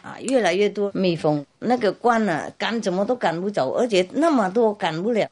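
A woman's voice: mid-range voice, lively intonation, moderate pace, a little mellow. A woman Buddhist master telling a humorous story in a chatty way, laughing and repeating herself.

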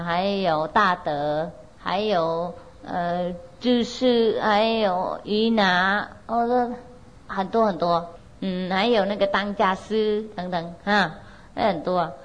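A woman's voice: fairly low pitch, poor audio. A woman spiritual teacher telling a Zen story to an audience in a loose, conversational way, with many fillers, laughs, and direct questions to her listeners. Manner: asks listeners directly to check they follow.

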